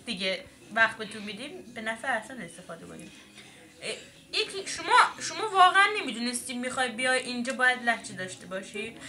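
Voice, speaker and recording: A woman's voice: on the high side, big pitch swings, full character voice. A woman playing a brusque female talent-show judge who cuts singers off, in a comedy sketch. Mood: scolding. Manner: brusque, shouts "cut" repeatedly.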